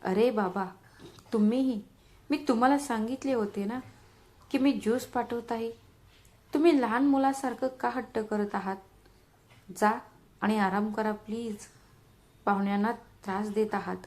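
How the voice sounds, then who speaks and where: A woman's voice: a little high, fairly even intonation, a little slow, long pauses, darkish tone, lightly acted. A woman voicing a haughty, scheming daughter-in-law who talks falsely sweet and scornful.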